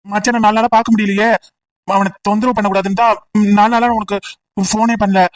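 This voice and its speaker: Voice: mid-range voice, level tone, a little fast, dry recording, far from the mic, close to an everyday voice. A voice actor doing a sulky, clingy young guy. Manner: hesitant, sulky, stammering. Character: clingy sentimental young male student. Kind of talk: comic voice acting.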